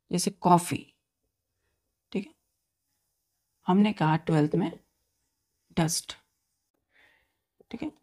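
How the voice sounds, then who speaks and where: A man's voice: high voice, darkish tone. Man teaching grammar, spelling words aloud. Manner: spells words letter by letter and repeats "okay" often; asks and answers own questions, addressing students as children. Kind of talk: classroom grammar lesson.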